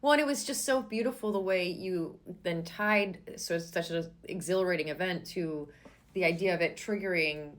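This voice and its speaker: Her pitch fairly low and her pace moderate, a woman hosting a podcast chats informally with her guest. She gushes with enthusiasm and leans heavily on fillers like "like" and "you know."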